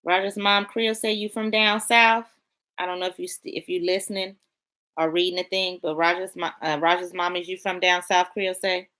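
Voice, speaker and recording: A woman's voice: lowish voice, little pitch movement, a little fast, sharp tone. A woman hosting a casual livestream, chatting with viewers by name and reading their comments aloud in a loose, colloquial way. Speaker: livestream host reading chat. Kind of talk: casual live-stream chat.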